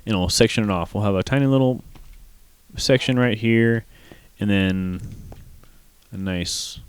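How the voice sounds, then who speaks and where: A young male streamer with a deep voice talks through a building game in casual commentary. He drawls slowly and mutters half to himself as he works, laid back rather than performing for anyone. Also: clean tone.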